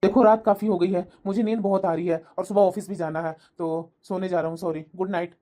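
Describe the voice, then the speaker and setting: A woman voicing a young, easygoing husband in a cartoon who calms his wife down and explains. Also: on the low side, fairly quick, lightly acted. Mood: calming. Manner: calming, easygoing. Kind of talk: animated cartoon voice acting.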